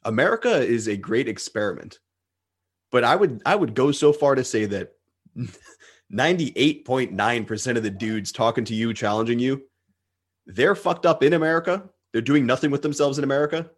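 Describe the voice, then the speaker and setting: A male podcast host talks bluntly and swears freely in a casual chat. His voice is husky and a little raspy. It sits at a middle pitch. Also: normal speed. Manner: blunt, profane, animated.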